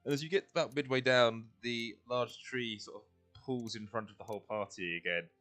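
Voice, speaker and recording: A man working as game master, improvising narration in a halting, casual way as he searches for words. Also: mid-range voice, a bit bright, soft background music.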